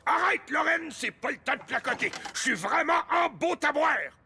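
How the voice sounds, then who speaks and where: An actor with a Québécois French accent, playing a loud, bossy, blustering rich hotel-owner father in a cartoon. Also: extremely high pitch, a little fast, gravelly, slight background noise, heavily acted. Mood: stern. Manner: loud, bossy, then gushing. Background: cartoon background music.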